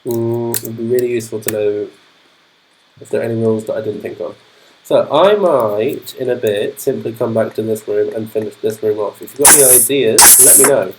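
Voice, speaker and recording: A man from London with a polished, non-Cockney London accent, an English teacher commentating a game livestream, speaking slowly and clearly for learners. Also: medium pitch, slight background noise, poor audio. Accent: polished London English, not Cockney. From London, England. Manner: upbeat, keeps saying fantastic.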